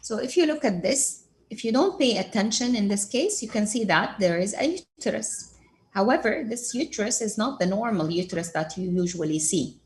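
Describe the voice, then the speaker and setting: A woman's voice: mid-range voice, lively intonation, normal speed, a little mellow. A woman giving a radiology lecture over case slides. She asks herself questions and then answers them as she walks through each image step by step. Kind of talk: case-based teaching lecture.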